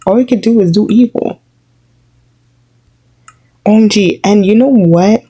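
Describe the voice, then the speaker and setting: A woman's voice: mid-range voice, warm tone, slightly rough, low-quality recording. A young woman vlogger rambling through an opinionated rant, filling her talk with "like" as she goes. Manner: rambling, opinionated, heavy use of "like".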